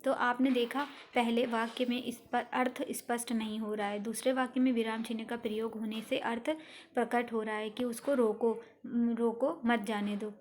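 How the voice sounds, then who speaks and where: Woman teaching schoolchildren, higher voice, patient lesson reading with faint background noise. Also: flat delivery, moderate pace. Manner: addresses children, reads examples aloud. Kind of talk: classroom lesson explanation.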